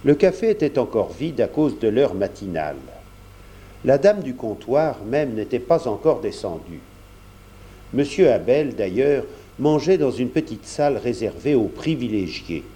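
A man reading a classic novel aloud in a measured, even storybook narration. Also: medium pitch.

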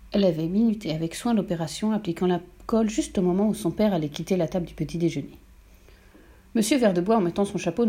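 Woman reading a kids' book aloud, warm mellow voice, steady and expressive. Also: fairly low pitch, husky. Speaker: audiobook narrator. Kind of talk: scripted narration of a children's novel.

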